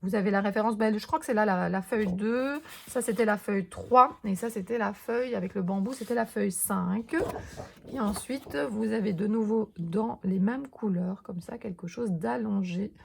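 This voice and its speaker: With a creaky, husky, mid-range voice and a moderate pace, this woman crafting vlogger talks excitedly through her scrapbooking haul. The casual show-and-tell is packed with fillers and small restarts.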